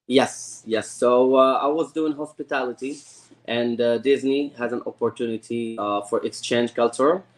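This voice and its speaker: Halting, eager man from Morocco. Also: medium pitch, fairly even intonation. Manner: halting, repeats words, eager. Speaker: guest. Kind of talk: casual interview.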